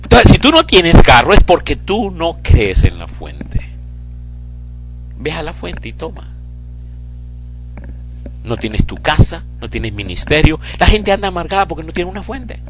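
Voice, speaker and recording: Male preacher, fiery sermon, fairly high and forceful, very animated pitch, hushed lows and shouted peaks. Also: unhurried, long pauses, soft background music. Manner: swings from hushed whispers to tearful shouts.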